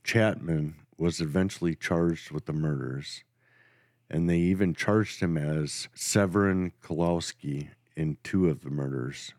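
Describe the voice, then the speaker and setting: A man hosting a podcast, telling a true crime story in a steady, matter-of-fact way. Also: very deep voice, unhurried, no echo, clean studio sound. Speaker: podcast host.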